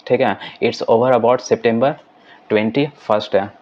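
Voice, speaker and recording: A man teaching English in Hindi. He reads English sentences slowly, explains them quickly, and keeps saying "ठीक है" as he goes. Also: mid-range voice, fairly even intonation, darkish tone, muffled recording. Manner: repeats "ठीक है" as a filler.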